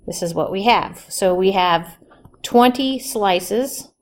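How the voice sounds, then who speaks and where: A woman's voice: on the low side, little pitch movement, moderate pace. A woman teaching a general chemistry class in a lecture, chatty and asking her students questions as she goes. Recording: echoey classroom recording.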